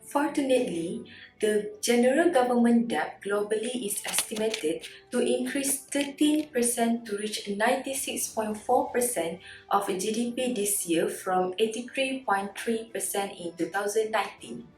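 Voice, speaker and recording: A woman's voice: on the high side, moderate pace, a little mellow. Echoey woman reading news. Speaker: student news reporter. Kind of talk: scripted news report. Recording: roomy echo, music behind.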